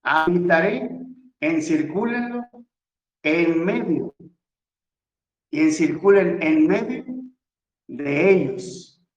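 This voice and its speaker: A man teaches scripture verse by verse, slowly and deliberately in a fairly high voice. He walks his listeners through the text step by step, telling them what to underline and circle. His voice rings in an echoey room. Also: lively intonation, a little mellow, highs cut off, slight background noise. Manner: methodical, repeatedly tells listeners to underline and circle words. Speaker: Bible teacher.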